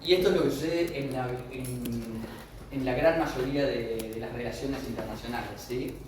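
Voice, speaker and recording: A man's voice: mid-range voice, normal speed. A man with an Argentine accent giving a university law lecture, explaining step by step and often checking in with his class. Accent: Argentine Spanish. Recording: echoey room, far from the mic, with noise.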